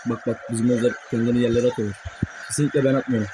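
A young man commentating his own mobile football match for viewers, excitable and quick to curse at his players in frustration. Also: medium pitch, slight background noise, rough recording. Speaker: gaming YouTuber.

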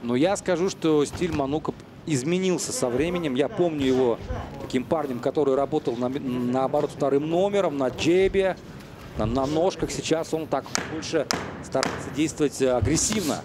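A man's voice: fairly high pitch, moderate pace. A man giving live boxing commentary in a conversational, analytical manner. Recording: arena crowd noise behind voice. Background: boxing crowd.

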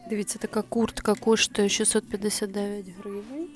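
A woman's voice: mid-range voice, little pitch movement, fairly quick. A woman chatting to her viewers while browsing a clothing and home goods store, thinking aloud in a casual shopping vlog. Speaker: shopping vlogger.

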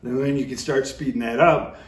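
A middle-aged man gives a hands-on lesson in a casual, rambling, folksy way. His voice sits at an ordinary male pitch. The sound is echoey and set back from the microphone, as in a hard-walled indoor room. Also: steady tone, a little fast. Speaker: goose calling instructor. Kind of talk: casual instructional demonstration. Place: indoor room with brick fireplace. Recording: roomy, echoey, distant microphone.

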